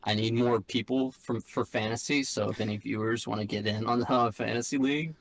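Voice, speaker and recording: A man's voice: medium pitch, steady tone, brisk, low-quality recording. A man co-hosting a podcast over a video call, chatting casually in a laid-back, dry way. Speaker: podcast co-host. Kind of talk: casual chat. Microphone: video call microphone.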